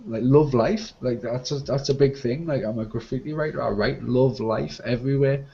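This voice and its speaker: A man's voice: mid-range voice, moderate pace, creaky, dark tone. A man cutting in bluntly and swearing during a casual group discussion. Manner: brash interjecting, swears, laughs along. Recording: dull lo-fi recording.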